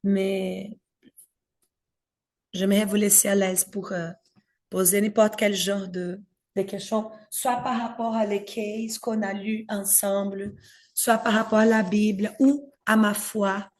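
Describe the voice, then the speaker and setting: A woman with as her guides a faith discussion group in a gentle, welcoming way. She sometimes stops to hunt for the right word. Her voice sits in the middle of the female range. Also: medium pitch, flat delivery, takes it slowly. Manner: gentle and inviting, searching for words.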